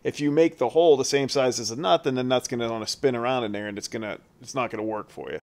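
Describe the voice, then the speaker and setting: A man's voice: medium pitch, steady tone, quick pace, a little mellow. A man hosting his carving channel, talking through a do-it-yourself build step by step in a casual, folksy voice-over. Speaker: chainsaw carver, channel host. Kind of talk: how-to voice-over.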